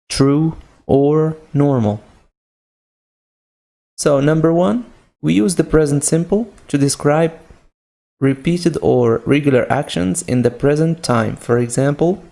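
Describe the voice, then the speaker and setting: Speaking with a Moroccan accent, a man teaches an English grammar lesson slowly and deliberately. His voice is dark, mellow, gravelly and a little high, and he patiently repeats each point using simple example sentences.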